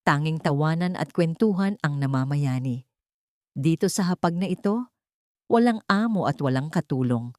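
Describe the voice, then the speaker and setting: An audiobook narrator reads a scripted, dramatic story in a low, darkish female voice. The recording is dry and clean, studio quality.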